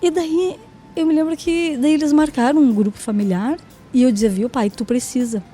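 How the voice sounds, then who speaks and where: High, mellow-voiced woman telling her story. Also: fairly even intonation, moderate pace, faint music behind. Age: adult, mother of two daughters. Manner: chatty, acts out quoted dialogue, frequent "né?" and "sabe?". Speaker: guest giving a faith testimony. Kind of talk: personal testimony, storytelling.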